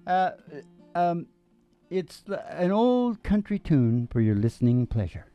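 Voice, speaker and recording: Between acoustic country songs, a performer hosting a live show trades casual, joking banter, with guitar captured in a lo-fi recording. The voice is mid-pitched and sing-song, unhurried, with no audible room sound.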